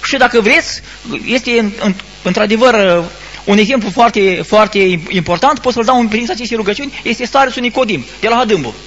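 A man with a high-pitched voice preaches a stern sermon, pressing his listeners with rhetorical questions and breaking off to restart his phrases. The recording is muffled and lo-fi, with a faint hum underneath. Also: a bit bright. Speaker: Orthodox priest.

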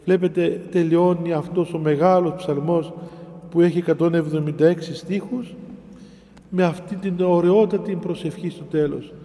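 A man preaching a sermon, reading scripture and explaining it phrase by phrase with repetition and pauses. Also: fairly high pitch, fairly even intonation, warm tone, in a large hall. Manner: explains scripture line by line, repeating and pausing. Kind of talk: sermon on a psalm.

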